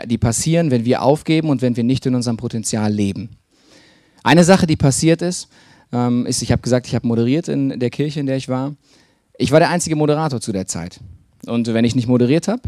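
A man delivering a sermon at a middle pitch, speaking personally and confessionally. He often restarts sentences and fills pauses as he talks. The sound is dry and close, with little room echo. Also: a little mellow. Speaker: preacher.

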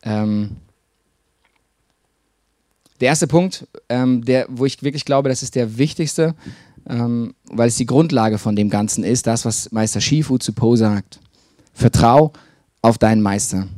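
Guy preaching a sermon, personal and confessional, lots of restarts and ums, mid pitch, dry close sound. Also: mellow, no room sound.

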